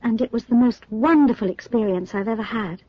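A woman's voice: fairly high pitch, a little fast, breathy edge, no room sound. A woman playing an adult recalling her first flights, telling it in an effusive, storytelling way in a dry, muffled studio recording. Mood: delighted. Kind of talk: scripted listening exercise monologue.

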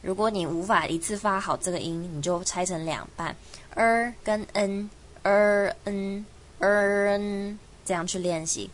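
A young woman hosting an English pronunciation lesson, explaining each sound slowly and repeating words to demonstrate them. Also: lowish voice, fairly bright tone, rough recording. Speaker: English pronunciation teacher and host. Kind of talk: language lesson.

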